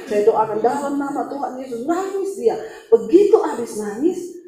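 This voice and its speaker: A woman's voice: high-pitched, moderate pace, roomy sound, rough recording. A woman pastor preaching a sermon, telling a story with humor and frequent laughter. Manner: humorous, animated, laughing often.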